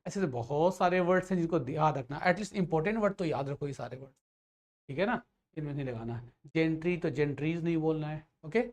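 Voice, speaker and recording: A male teacher explains English grammar rules in Hindi, with a voice a little higher than most men's. He talks patiently, mixes in English phrases and keeps checking that his students have understood. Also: fast, a little mellow. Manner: explains patiently, repeats checks like "theek hai". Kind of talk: grammar lesson for exam students.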